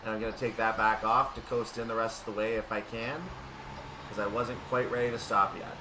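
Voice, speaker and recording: Brisk and lowish, with little pitch movement, a streamer narrates his train simulator play in announcer-style play-by-play. Loud vehicle-like noise dominates the background, and the mic sits far from him.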